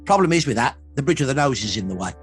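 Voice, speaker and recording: Speaking rapid-fire and very animated in a mid-range voice, an older Birmingham man explains history as a documentary's expert interviewee. He's emphatic, tells it like a story, and repeats points to drive them home, with music playing behind him.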